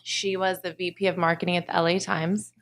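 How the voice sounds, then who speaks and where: A woman's voice: lowish voice, little pitch movement, fairly quick, fairly bright tone, a little hiss or hum. A young adult woman speaking as a panelist, telling her story casually and quoting her own words. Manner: storytelling, casual, quotes herself. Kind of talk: panel discussion.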